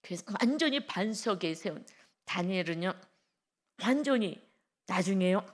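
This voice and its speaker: A woman pastor preaching an early-morning sermon with emphasis, reading scripture slowly and loudly and asking her listeners direct questions. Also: medium pitch, lively intonation. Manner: vivid sound words and direct questions to the congregation.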